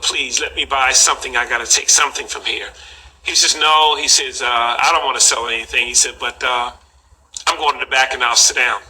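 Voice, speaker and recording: An older man telling a personal story in an unhurried, halting way, with frequent pauses and fillers. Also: medium pitch, bright, forceful tone, husky, low-quality recording. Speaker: collector recounting a story.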